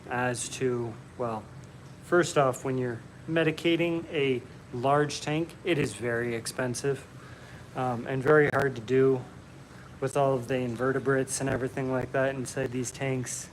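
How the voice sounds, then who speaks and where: Laid-back guy doing a live q&a from home, chatty, lots of ums, mid pitched voice. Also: a little slow, slight background noise. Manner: relaxed, chatty, frequent ums, reads chat aloud. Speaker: live stream host. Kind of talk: casual live stream Q&A. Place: his home.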